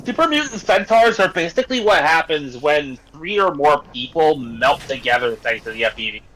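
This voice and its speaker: A man's voice: a little high, animated, normal speed, pushed and bright, poor audio. A man streaming a game and giving casual, chatty commentary. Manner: chatty, conversational.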